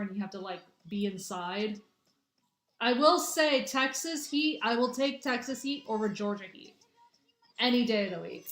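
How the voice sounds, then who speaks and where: A young Midwestern woman with a fairly high, fairly bright voice hosts a casual livestream of spiritual readings, rambling to viewers and restarting often. She talks into a phone or webcam in an echoey room.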